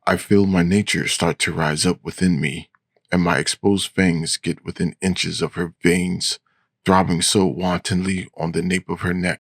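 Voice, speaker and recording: A man's voice: low voice, level tone, measured pace, no echo. A man narrating gothic horror in the voice of an old vampire, formal and courtly. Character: centuries-old male vampire, composed and menacing. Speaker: audiobook narrator.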